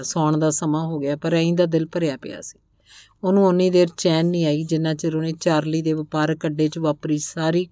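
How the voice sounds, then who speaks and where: A woman reads a novel aloud in an even, measured way. Her voice sits fairly low. The recording is dry and close, with no room sound. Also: no echo. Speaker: narrator.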